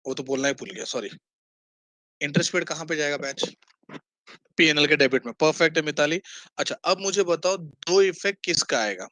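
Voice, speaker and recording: A man's voice: fairly high pitch, moderate pace, pauses often, pushed and bright, dry recording. A man teaching an online accounting class, quizzing students and mixing English terms into his Hindi.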